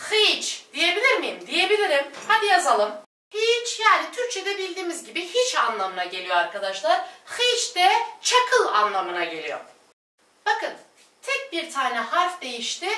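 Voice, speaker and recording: High, lively woman teaching at a board. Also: distant mic. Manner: repeats each word pair slowly, addresses viewers as friends. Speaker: language teacher. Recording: echoey room, voice off-mic.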